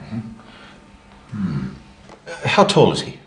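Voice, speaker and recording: A man's voice: deep voice, huge pitch swings, slow, a bit bright, full character voice. An actor playing a curious, polite male private investigator who hums and hesitates between his questions. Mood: calm. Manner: hesitant, with many fillers and hums. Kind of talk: scripted English-learning drama. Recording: roomy echo.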